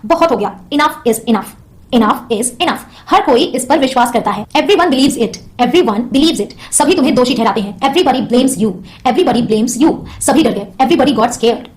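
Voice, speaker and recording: A woman teaching phrases, saying each one slowly twice and explaining quickly in Hindi. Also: high-pitched, expressive. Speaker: English teacher. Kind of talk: bilingual language lesson.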